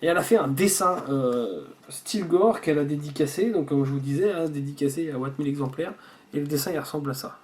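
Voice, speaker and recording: A man's voice: a little high, fast, darkish tone. A man chatting casually while unboxing a subscription box at home, rambling and swearing freely. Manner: rambling with frequent restarts.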